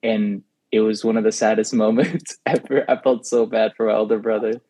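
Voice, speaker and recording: A young adult man whose first language is Spanish co-hosts a podcast, rambling through stories in casual chat and filling them with lots of "like." His voice is lowish and mellow, with a level tone, moderate pace, and no echo.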